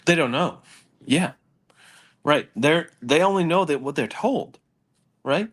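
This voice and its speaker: A man's voice: a little high, lively intonation, slow. A man hosting a casual industry panel discussion, hiccuping now and then.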